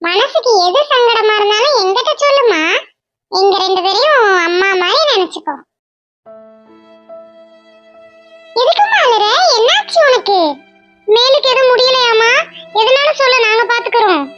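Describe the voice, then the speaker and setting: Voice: extremely high pitch, animated, normal speed, a bit bright, faint music behind. Voice actor doing a motherly older cartoon woman, Tamil accent, soothing advice, muffled lo-fi track. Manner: soothing, advising. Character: kind older village woman, motherly neighbor. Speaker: cartoon character. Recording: dull lo-fi dry voice track.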